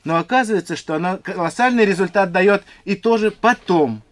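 A man in his fifties, an institute director, answering interview questions in an earnest, explanatory, slightly halting way. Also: high-pitched. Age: 50s.

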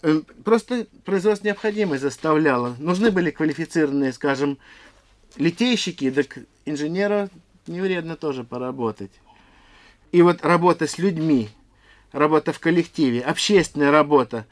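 Earnest man in his fifties explaining. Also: fairly high pitch. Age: 50s. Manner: earnest, explanatory, a little halting. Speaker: institute director. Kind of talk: answering interview questions.

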